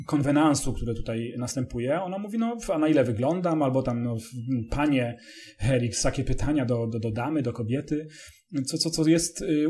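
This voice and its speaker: A man co-hosting a casual, analytical film discussion, halting as he searches for words and corrects himself. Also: medium pitch, warm tone.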